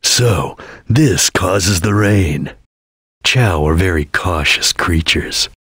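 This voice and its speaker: A man voicing a serious, vigilant ninja chameleon in a video game, with a husky, gravelly voice and a terse, solemn delivery. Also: sits low, animated, fairly bright tone, no room sound, studio quality, full character voice. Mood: guarded, calm. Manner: terse, solemn, deliberate, formal. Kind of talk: English video game voice acting.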